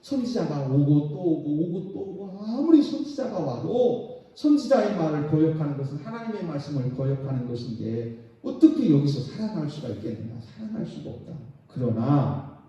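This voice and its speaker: A man's voice: a little high, very animated, normal speed, dark tone. A middle-aged man preaching a sermon as pastor, dramatically acting out the voices of God and sinners. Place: church sanctuary. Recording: very echoey church hall, distant and dull.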